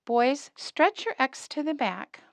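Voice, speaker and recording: A puppet show presenter for preschoolers leads an interactive lesson, offering simple instructions, questions and encouragement. Her high, expressive voice moves slowly, with no room sound.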